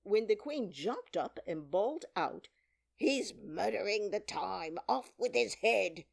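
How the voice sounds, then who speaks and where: A woman's voice: medium pitch, very animated, a little slow, mellow, breathy edge, voice pushed up. A woman voicing an eccentric, mournful and argumentative male hatter in a storybook, speaking emphatically and theatrically. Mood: indignant.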